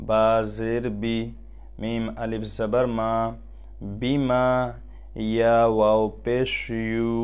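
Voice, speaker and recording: A man with a Bengali accent teaching Quran reading, spelling out letters and vowel marks, drawing out each syllable slowly and then explaining quickly. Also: mid-range voice, a little mellow, clean tone. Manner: slow drawn-out syllables alternating with quick spoken explanations. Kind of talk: spelling out Arabic letters and vowels in a recitation lesson.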